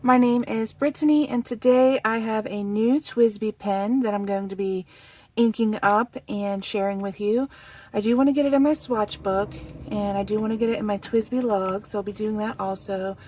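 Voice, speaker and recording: A woman's voice: medium pitch, steady tone, moderate pace, darkish tone. A woman chatting casually and a little winded as she shows off new stationery in a friendly vlog. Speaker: stationery vlogger. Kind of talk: casual show-and-tell chat. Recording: voice a bit distant from the mic.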